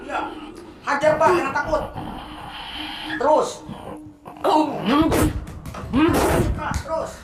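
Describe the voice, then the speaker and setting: A money-hungry mother, played by a woman, jeers and goads in a high voice. She sounds off-mic in an echoey room, and loud music plays under her in a homemade drama. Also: fairly even intonation, takes it slowly, long pauses, distant mic. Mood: scornful, goading. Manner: bickering, mocking, egging on a fight. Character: scornful greedy mother pushing a rich marriage.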